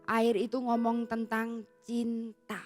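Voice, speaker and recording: A woman's voice: a little high, completely flat delivery, slow pace, faint music behind. A middle-aged woman preaching to young people in a casual, colloquial way, acting out the voices she quotes. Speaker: youth pastor. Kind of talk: sermon.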